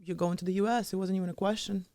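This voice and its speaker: Russian-accented woman, smooth and chatty. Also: mid-range voice, fairly even intonation, racing, warm tone, dry recording. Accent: Russian, with some British English. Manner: chatty storyteller, many "like" and "um" fillers. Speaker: podcast guest. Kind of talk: casual interview chat.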